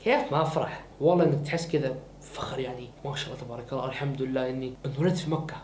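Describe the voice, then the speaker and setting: A young man, a vlogger host chatting excitedly to camera and repeating himself for emphasis. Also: medium pitch, very fast. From born in Mecca, Saudi Arabia. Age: young adult. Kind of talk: casual chat to camera. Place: small indoor room with gaming desk. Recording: echoey room with faint hiss.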